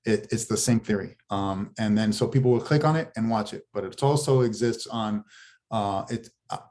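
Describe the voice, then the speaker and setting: A man pitching his streaming app in a casual business chat over a video call, rambling with many restarts. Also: moderate pace, darkish tone. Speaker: guest, TV show founder.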